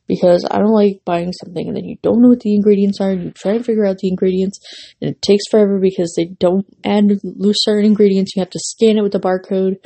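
In this laid-back solo podcast, the young host rambles from idea to idea, full of fillers and false starts. She's got a runny nose and her voice is going, leaving her mid-pitched tone dark, husky and rough-edged.

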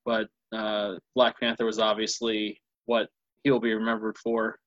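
A man's voice: fairly low pitch, completely flat delivery, a little slow, fairly bright tone, no echo. A man co-hosting a movie podcast in casual chat, with a dry, wry humor. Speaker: podcast co-host. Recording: dull, dry lo-fi mic.

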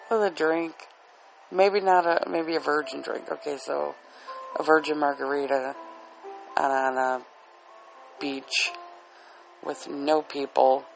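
A man's voice: on the high side, steady tone, slow pace, creaky, long pauses, low-quality recording. A man with a dry throat rambling casually and candidly as a solo podcast host, often putting himself down. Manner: candid and self-deprecating. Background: soft relaxing music.

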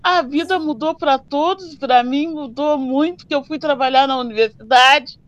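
An older woman, who tells her memories as lively stories in an interview. The sound is dry and a little dull, with no room around her. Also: sits high, normal speed, no room sound. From southern Brazil. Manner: animated storyteller who acts out dialogues. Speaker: interviewee recalling her working life. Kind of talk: oral history interview. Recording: slightly dull, dry recording.

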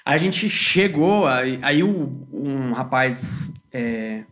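A man, a band musician telling stories on a casual podcast in an animated, slangy way. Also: medium pitch, slow. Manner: animated, slangy, swears freely.

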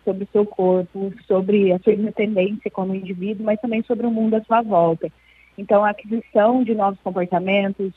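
A woman speaking over a thin phone line, with a slightly husky voice. She explains things in a measured way, filling pauses with hesitations. The sound is dry and close. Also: mid-range voice, no echo. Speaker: interview guest, children's book club representative. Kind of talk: explanatory interview answers.

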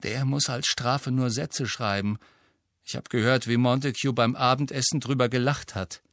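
A downcast younger girl, read by a male storyteller. Her lines are lightly raised in pitch and recorded close and dry. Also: steady tone, moderate pace, a bit bright, no echo, close to an everyday voice. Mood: sad.

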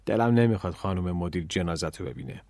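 A man voicing a calm, teasing invisible young man in an audiobook story, speaking low and easygoing. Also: no room sound.

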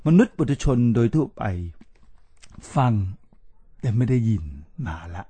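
Mellow-voiced man lecturing with emphasis. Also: medium pitch, animated, breathy edge, dry recording. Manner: emphatic, slow repetitions, addresses listeners directly. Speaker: podcast host. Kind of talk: motivational talk to listeners.

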